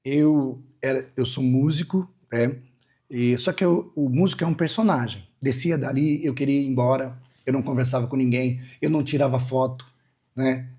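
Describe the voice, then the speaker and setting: A man's voice: mid-range voice, fairly even intonation, moderate pace, mellow, slightly rough. A Brazilian man with a Brazilian Portuguese accent, a musician and hypnotist guest telling rambling anecdotes in an interview. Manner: rambling anecdotal storytelling with many asides. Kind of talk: storytelling interview answer.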